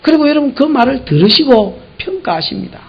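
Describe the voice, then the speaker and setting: Preaching an expository sermon with a Gyeongsang Korean accent, a male pastor swings from soft speech to shouting and acts out quarrels in dialect. His voice is very high-pitched, very animated and brisk, with a breathy edge, on a lo-fi recording.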